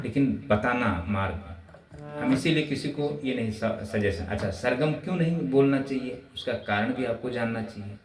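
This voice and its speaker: A man teaching music, who explains with care and keeps addressing his viewers as friends. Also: medium pitch. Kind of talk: spoken music lesson. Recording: roomy, slightly distant, faint ambience.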